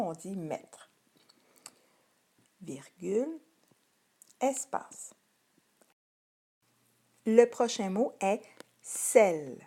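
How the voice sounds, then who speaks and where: A woman teacher with a Québécois French accent reads out a children's spelling dictation at a very slow, careful pace. Her low, mellow voice stays patient and spells out each word with deliberate articulation.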